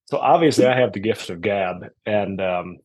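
A man who coaches aerobatic pilots, chatting casually on a podcast and telling lively stories about his team. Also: lowish voice, normal speed, slightly rough, poor audio. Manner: animated storytelling.

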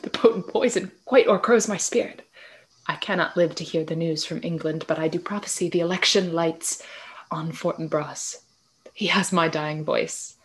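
A woman acting a dying young prince in a Shakespearean tragedy, slow and faint as if on a deathbed, with fading breath. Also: medium pitch, slight background noise, close to an everyday voice. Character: dying young prince Hamlet, anguished and urgent.

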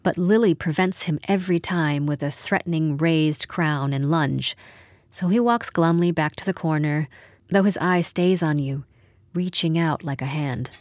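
A woman narrating a literary story in a measured, wry storytelling manner. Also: low-pitched, darkish tone, dry recording, studio quality. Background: music.

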